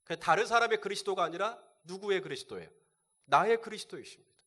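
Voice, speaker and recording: A man's voice: high-pitched, lively intonation, fast, sharp tone. A male pastor delivering a sermon, asking the congregation rhetorical questions and answering them.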